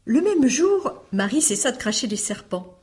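A woman reading a fairy tale aloud, deliberate and expressive. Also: sits high. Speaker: storyteller.

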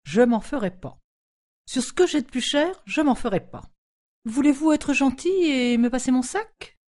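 A gossipy, bossy cleaning woman in an audio drama. Her voice is fairly high, and she speaks with self-assured authority, handing out advice. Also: animated, moderate pace, a little mellow. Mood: chatty. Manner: authoritative, advice-giving, chatty.

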